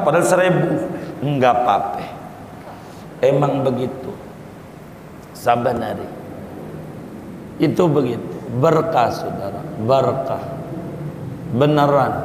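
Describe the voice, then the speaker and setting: In an echoey hall with faint noise, a male preacher delivers a folksy sermon, repeating his points and calling his listeners "saudara," or brothers. His mid-range voice is slow, creaky, and a little mellow, with frequent pauses.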